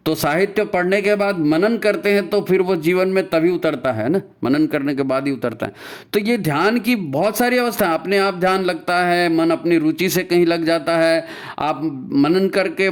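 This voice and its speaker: A man giving a spiritual talk on meditation, often repeating himself and asking rhetorical questions. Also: high-pitched. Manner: rhetorical questions and repetition, tagging "है ना?"; recites scripture and mantra lines. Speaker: spiritual speaker.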